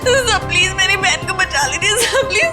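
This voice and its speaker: A woman's voice: extremely high pitch, expressive, normal speed, loud music behind the voice. An actress playing a terrified young woman who cries and begs for help for her sister, heard over a phone speaker. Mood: desperate pleading. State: crying. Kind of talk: TV crime drama acting.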